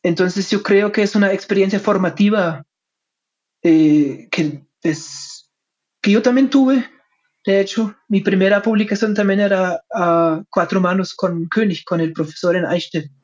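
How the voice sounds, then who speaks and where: German guy with a german accent talking in an interview, thoughtful and halting, kinda muffled lo-fi audio. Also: sits high. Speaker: interviewed academic researcher and author. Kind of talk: conversational interview answers. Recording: dull, lo-fi sound.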